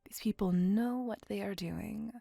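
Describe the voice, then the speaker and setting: A woman murmurs as a possessive vampire who has lived for centuries, her whisper breathy and gravelly, slow and tender, her phrasing formal and antiquated. Her mid-range voice is close and dry on the mic with no echo, and soft music plays faintly far behind this ASMR roleplay.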